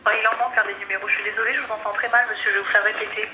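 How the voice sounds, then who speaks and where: A woman's voice: medium pitch, steady tone, racing, roomy sound, noisy background. A woman working as a customer service adviser, speaking into a call-centre headset and heard over a phone line. She stays polite and formal, with many fillers.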